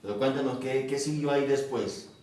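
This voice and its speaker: A man hosting an interview, calmly prompting his guest with questions and short affirmations. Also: mid-range voice, fairly quick. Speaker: host. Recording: echoey room, distant mic, faint noise.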